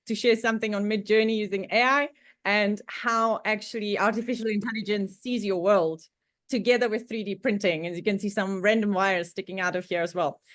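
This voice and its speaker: This guest presenter, a Czech woman with a Czech accent, keeps her online club talk chatty, laughing frequently and leaning on many fillers during the video call. Her mid-range voice comes through as a dry, studio-quality recording.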